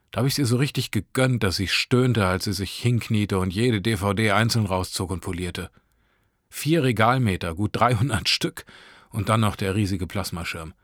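A man's voice: on the low side, dry recording, clean studio sound. A man reading a short story aloud, narrating in a sardonic, crude first-person voice.

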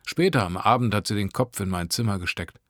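A man's voice: fairly low pitch, expressive, a little fast, a bit bright, no room sound, clean studio sound. Man reading a sardonic story. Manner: sardonic, crude first-person narration. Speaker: narrator. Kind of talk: reading a short story aloud.

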